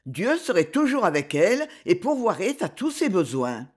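A woman reads a story aloud in a lively, melodic voice. Her pitch sits in a middle range but moves freely through each phrase, giving the narration an expressive lift. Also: normal speed. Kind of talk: scripted narration.

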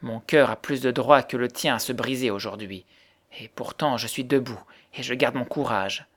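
A man's voice: mid-range voice, normal speed, lightly acted. Brief: a man playing a fierce grieving widow, harsh and accusing, in a storybook reading. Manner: harsh, accusing, later softening into sobs.

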